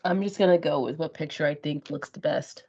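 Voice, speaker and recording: A woman's voice: sits low, fairly quick, a little mellow, husky. A woman co-hosting a podcast in casual chat, giving blunt opinions and repeating phrases for emphasis. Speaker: podcast co-host. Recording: dull, lo-fi podcast audio.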